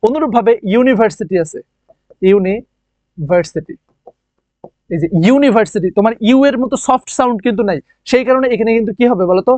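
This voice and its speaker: A man's voice: very high-pitched, racing, hardly any pauses, a little mellow, dry recording. A man teaching an English grammar lesson, repeating key words and quizzing his students with questions. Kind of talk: classroom lecture.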